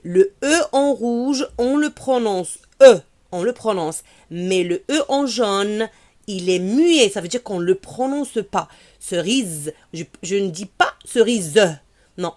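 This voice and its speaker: A woman with a Moroccan accent teaching French pronunciation in a video lesson, drilling each sound slowly and asking viewers to repeat after her. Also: medium pitch. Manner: slow, deliberate, drills words and has viewers repeat; switches between French and Moroccan Arabic to explain.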